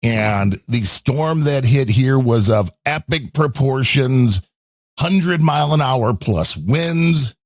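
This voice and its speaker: A man's voice: mid-range voice, animated, slow. Give me a man with a middle-range voice, talking on a casual chat show, rambling through a story with lots of asides. The sound is dry and close, with no room echo. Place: home in a storm-hit area.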